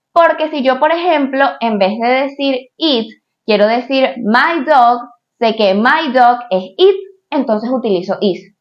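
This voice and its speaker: A woman with a fairly high voice gives an English grammar lesson for Spanish speakers. She is patient and keeps checking that the viewer is following. The recording sounds a little dull and lo-fi. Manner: patient, repeats points and checks with "¿ok?"; says English examples slowly, twice. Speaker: English teacher.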